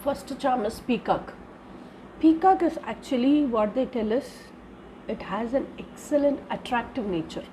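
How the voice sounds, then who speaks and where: A woman's voice: a little high, lively intonation, a little slow, mellow, slight background noise, low-quality recording. A woman with an Indian accent and a congested, slightly wheezy voice from a cold and sore throat, giving a casual spiritual reading in an instructive, repetitive way. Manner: instructive, repeats phrases with tag 'na'. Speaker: charms card reader giving guidance.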